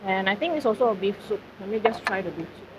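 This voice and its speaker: A woman's voice: mid-range voice, animated, fast talker. A woman live-streaming while eating at a food centre, chatting casually with her viewers and using lots of fillers. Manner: chatty, filler-heavy, talks to chat. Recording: slightly dull audio, faint background noise.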